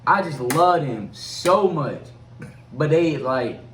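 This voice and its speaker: Young man, guest co-host, halting and rambling, recorded off-mic in an echoey room. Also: on the high side, expressive, far from the mic, slight background noise. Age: young adult. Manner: hesitant, full of likes, rambling. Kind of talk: casual chat.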